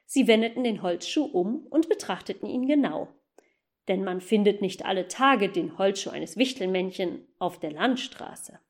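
A woman reading a children's novel aloud in a calm, even manner. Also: mid-range voice, normal speed. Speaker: reader. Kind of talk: storybook reading.

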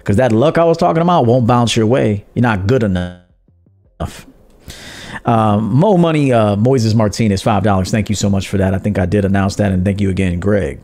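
A man's voice: on the low side, normal speed, a little mellow. Blunt, profane male dating coach. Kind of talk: livestream monologue.

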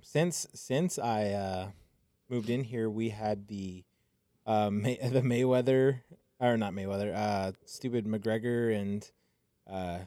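A young man from Phoenix talks in a loose, rambling way, full of fillers and easy laughter. He sounds a little tipsy and loopy. His voice is lowish and mellow, recorded dry and close. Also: no room sound. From Phoenix, Arizona. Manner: laid-back and rambling, many fillers and laughs. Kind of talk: casual chat.

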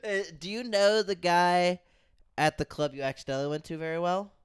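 A man's voice: high voice, normal speed, clean tone. A man co-hosting a podcast, chatting casually in a wry, profane, jokey way. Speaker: podcast co-host. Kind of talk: casual chat.

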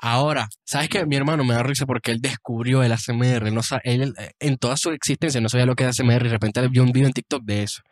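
A young Venezuelan man co-hosting a casual podcast, telling stories with lively acted-out quotes and frequent laughter. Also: mid-range voice, racing, hardly any pauses, no room sound, studio quality. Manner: animated storyteller, laughs often, acts out quotes. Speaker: podcast co-host. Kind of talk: casual chat.

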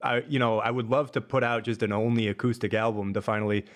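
A young man with a Midwestern accent chatting casually about his music, rambling and halting with lots of fillers. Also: on the low side, little pitch movement. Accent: American Midwestern. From American Midwest. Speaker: musician guest. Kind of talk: casual podcast chat.

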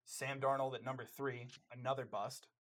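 Male co-host, laid-back sports talk, confident and opinionated, mid-pitched voice. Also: little pitch movement, moderate pace, a bit bright. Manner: opinionated, runs through lists of players. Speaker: podcast co-host. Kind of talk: casual sports chat.

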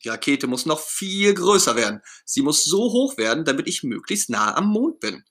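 A man's voice: on the high side, very animated, moderate pace, fairly bright tone, voice pushed up. Bert, a man doing a pompous fussy puppet. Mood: pompous, brusque. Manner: pompous, brusque. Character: fussy self-important male puppet friend. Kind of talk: storybook reading.

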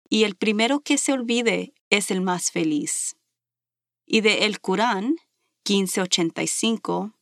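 Slow-paced woman guiding a meditation. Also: medium pitch, no echo, clean studio sound. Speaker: guided meditation instructor. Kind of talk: scripted talk and guided meditation.

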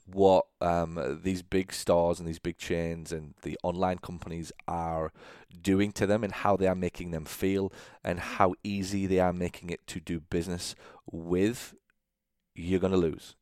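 A man's voice: deep voice, smooth, no echo, clean studio sound. A young adult man hosting a solo podcast, talking conversationally and checking in with "okay?" between points. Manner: conversational, checks in with "okay?", frequent fillers and restarts. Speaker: podcast host.

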